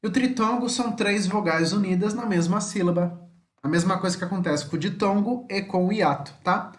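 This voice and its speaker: A Brazilian-accented man teaching a homeschool lesson, with a voice pitched a little high for a man. He chats along, tacks questions onto his sentences and sounds out example words slowly. The room around him is echoey. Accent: Brazilian Portuguese. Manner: chatty, many tag questions, slow deliberate word examples.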